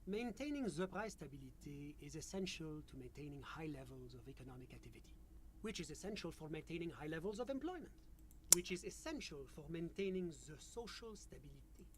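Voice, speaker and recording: A man's voice: fairly high pitch, expressive, background noise, close to an everyday voice. A man playing a prim French-accented official. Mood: composed. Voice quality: measured, bureaucratic delivery. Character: prim, unflappable male financial official.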